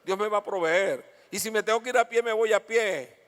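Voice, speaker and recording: A pastor preaches to his congregation, mixing stories with quick questions to the room. His voice sits high for a man and sounds bright and forceful. A long hall reverb trails his words. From Venezuela. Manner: lively storytelling with questions to the congregation. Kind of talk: sermon. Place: church auditorium.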